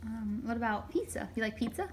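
A woman patiently coaxing a small child at home, asking simple questions in a gentle, sing-song way and prompting the child to repeat words after her. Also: a little high, animated, a little fast, noisy background. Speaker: caregiver teaching a toddler. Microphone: hidden camera.

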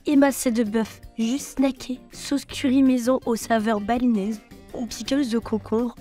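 A woman's voice: a little high, fairly even intonation, unhurried, mellow, soft background music, close to an everyday voice. A young woman reading out a food menu in a teasing, playful way, recorded from some distance.

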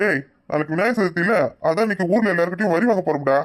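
A man's voice: high voice, rapid-fire, natural voice. A man voicing a bossy, teasing young village man, with a Kanyakumari Tamil accent.

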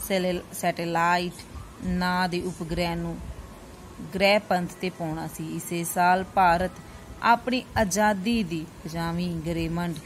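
Female teacher, lower register, reading a lesson aloud in a measured way; light background hiss. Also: low-quality recording. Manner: steady, careful reading with small self-corrections. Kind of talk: reading a textbook chapter aloud.

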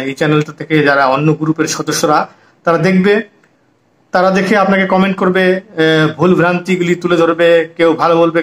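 A man teaching a harmonium and rhythm lesson, talking casually and counting beats aloud slowly. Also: a little high. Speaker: music teacher.

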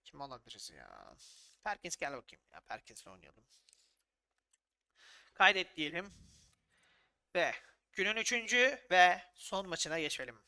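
A gaming YouTuber commentates his own football video game session, casual and excitable, swearing freely, arguing with his players and calling the action like a match announcer. His voice is high and clean in tone, unhurried, with frequent pauses.

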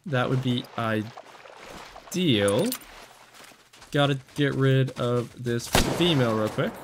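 Excitable man commenting on gameplay. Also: medium pitch, slow, background noise. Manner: excitable, talks to himself while aiming. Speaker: gaming channel host.

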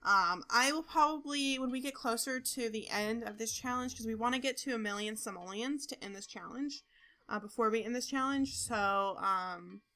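A young woman with a bright, clear voice talks her way through a life-simulation game. She chats casually to her viewers and coaxes the characters on screen, and she breaks into excitable outbursts. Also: fairly high pitch, normal speed. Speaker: gaming video host. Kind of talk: casual gameplay commentary.

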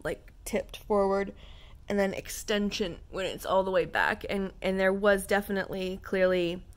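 A woman's voice: medium pitch, moderate pace. Candid rambling woman vlogger. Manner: rambling, candid, frequent fillers. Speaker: vlogger talking to viewers. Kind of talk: casual chat to camera.

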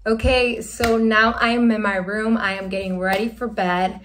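Casual home vlogger, woman, mid-pitched and chatty, recorded as a phone video. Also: normal speed, loud music behind the voice. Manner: chatty, excited, addresses viewers as guys. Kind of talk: casual vlog talk to viewers. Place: at home indoors. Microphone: phone camera.

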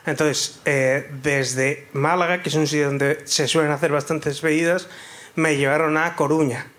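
A man's voice: on the high side, steady tone, moderate pace, fairly bright tone. A man from Spain, a guest on stage, answering questions with many hesitations into a handheld mic. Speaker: audience guest, doctor. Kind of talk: onstage interview. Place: theater stage.

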